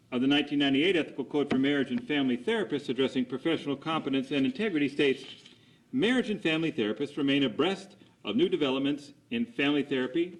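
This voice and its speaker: A man's voice: on the high side, rough recording. A man conducting a cross examination as an attorney, putting formal, methodical leading questions and seeking agreement after each statement.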